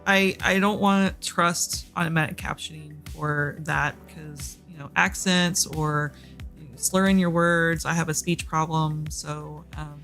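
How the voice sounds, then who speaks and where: This is casual livestream chat from a Southern-accented Texan running a reading sprint, full of fillers and meandering talk. Speaking at a measured pace in a mid-range, steady, slightly bright voice, they use a desk mic rather than their headset, and faint music sits behind them.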